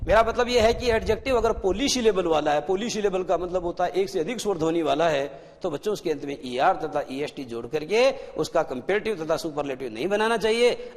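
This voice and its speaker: A man teaching a classroom grammar lesson, explaining slowly and asking his pupils questions that he then answers himself. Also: high voice, big-room sound.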